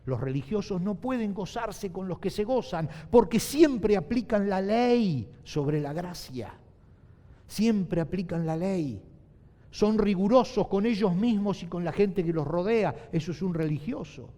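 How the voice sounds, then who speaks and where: A middle-aged male pastor preaching a sermon, emphatic, repeating key phrases and slowing down to stress them. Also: high voice, expressive, warm tone. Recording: long hall reverb.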